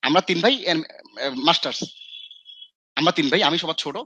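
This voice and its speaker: A man's voice: on the high side, moderate pace, pushed and bright, husky, no echo, lo-fi sound. A man from Bangladesh, mentoring students in casual talk, who acts out his scolding and mixes in English phrases. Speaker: Islamic scholar and mentor.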